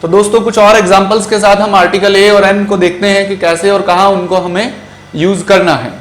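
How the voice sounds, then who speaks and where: A man with an Indian English accent teaching an exam-prep grammar lesson in a classroom, drawing out words slowly as he drills pronunciation. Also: high-pitched, flat delivery. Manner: slow, stretched-out pronunciation drills. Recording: echoey room.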